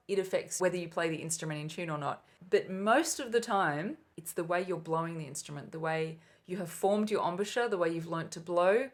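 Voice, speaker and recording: A middle-aged Australian woman with a bubbly, enthusiastic manner, explaining music concepts in an online flute lesson. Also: lowish voice. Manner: bubbly, enthusiastic, self-described nerd. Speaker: flute teacher.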